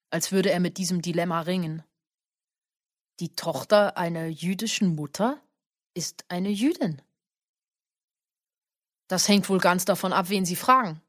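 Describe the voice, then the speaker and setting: A woman giving a measured first-person audiobook narration. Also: fairly low pitch, no echo, studio quality.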